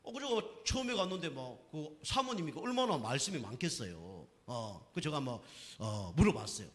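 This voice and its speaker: A man's voice: a little high, very animated, normal speed. A man preaching a sermon on evangelism as pastor, telling stories with emphatic repetition, in a church sanctuary. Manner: storytelling with acted quotes, emphatic repetition. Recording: long hall reverb.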